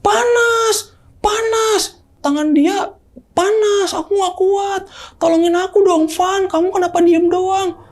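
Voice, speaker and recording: A man voicing a possessed young woman who wails and pleads in a high, strained voice. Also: normal speed, gravelly, a bit bright, heavily acted. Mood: desperate.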